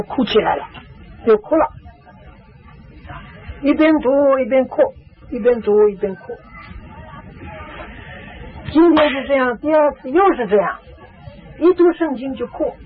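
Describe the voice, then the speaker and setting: A man preaching a storytelling sermon, repeating phrases for emphasis and filling pauses with drawn-out "ah"s. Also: very high-pitched, expressive, slight background noise. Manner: repetitive, emphatic, frequent drawn-out "ah" fillers. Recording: tinny phone-like lo-fi recording.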